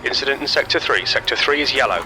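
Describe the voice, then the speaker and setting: A man's voice: mid-range voice, quick pace, sharp tone. A man voicing a race engineer who gives terse pit radio calls, clipped and matter-of-fact. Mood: curt. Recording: noisy game audio.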